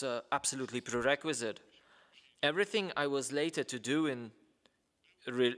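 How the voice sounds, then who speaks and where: Here a hesitant man reads a guest's letter aloud at a ceremony as formal speech, using plenty of fillers and stumbling on names. His voice is medium in pitch and fairly bright, carried by the long reverb of a large hall.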